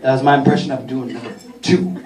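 A man's voice: medium pitch, fairly even intonation, fast talker, noisy background. A man doing a crude stand-up set in a comedy club, with brash punchlines and short sung bits. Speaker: stand-up comedian in Santa costume. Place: comedy club stage with live audience. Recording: roomy club sound from far mic. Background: crowd laughter.

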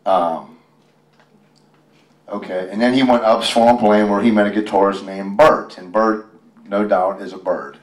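A man from Western Pennsylvania in the United States reads a picture book aloud at a casual library storytime, joking and chatting with folksy asides. His voice is lowish and fairly even in intonation, and he's unhurried, pausing often. A helper holds his handheld mic at this live event, so the recording sounds roomy and distant.

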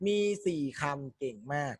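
A man's voice: measured pace, no echo. A man teaching an exam-prep language lesson, working through questions step by step and quizzing his students as he goes. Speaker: Thai language tutor.

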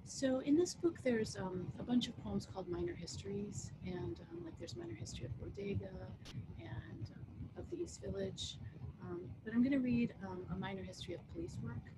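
A middle-aged American woman poet reads her work with measured, deliberate phrasing, introducing the pieces casually. Her mid-range voice is expressive. She's indoors at home in a book-lined, wood-panelled room, speaking through a computer mic on a video call, and the audio is very noisy.

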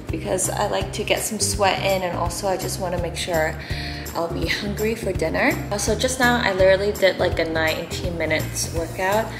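A woman's voice: on the low side, reverberant. A young adult woman chatting casually and upbeat in a vlog, filling her talk with "like" and "um". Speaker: vlogger.

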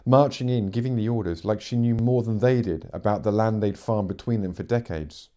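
Seated in an armchair in his living room, a middle-aged man narrates fiction aloud in a dramatic audiobook style. His voice is lowish, brisk and mellow.

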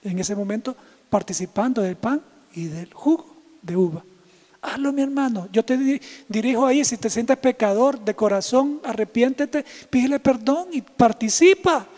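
The sermon is livestreamed by a male pastor whose very high-pitched voice moves at a moderate pace, with a big-room sound. Lively and teasing, he calls out to chat viewers.

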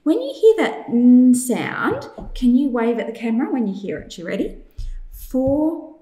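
A woman teacher leading an instructional lesson for young children, enunciating clearly and guiding with simple questions. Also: a little high, very animated, normal speed, dark tone. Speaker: teacher presenting a maths activity. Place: indoors in a room, demonstrating at a tabletop. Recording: echoey room.

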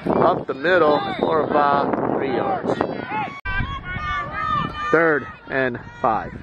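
A middle-aged man giving amateur play-by-play commentary on a football game in short clipped phrases that rise with excitement during the action. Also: fairly high pitch, extremely slow. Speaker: parent filming and commentating a youth football game. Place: outdoor football field. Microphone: camera microphone exposed to wind. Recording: muffled outdoor recording, loud wind noise. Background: loud wind and outdoor ambience.

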